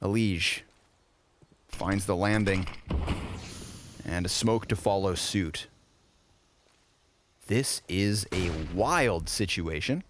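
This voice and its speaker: A man's voice: fairly low pitch, slight background noise. A man doing live play-by-play commentary on an esports match in vivid, flowing phrases. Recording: game gunfire and clicks behind voice. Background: video game gunshots and clicks.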